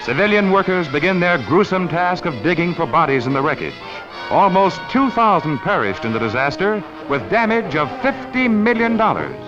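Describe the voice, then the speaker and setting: A man's voice in old newsreel style, pitched high and swooping lively through each line, with an emphatic announcer delivery. The dull, lo-fi archival sound sits under a loud music score. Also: normal speed. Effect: old newsreel narration. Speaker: newsreel narrator. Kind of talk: 1940s newsreel narration.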